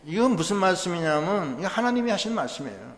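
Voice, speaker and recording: A man preaches in a church, explaining scripture in a conversational, emphatic way. His voice sits a bit high for a man. The sound is roomy, with a long hall tail. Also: sing-song, quick pace. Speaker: pastor. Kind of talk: sermon. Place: church sanctuary.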